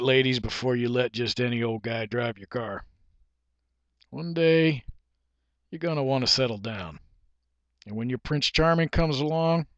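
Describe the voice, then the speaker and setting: A man's voice: mid-range voice, a bit bright, no echo, highs cut off. A man delivering a preachy, lecturing monologue that he illustrates with a parable. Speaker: monologue speaker.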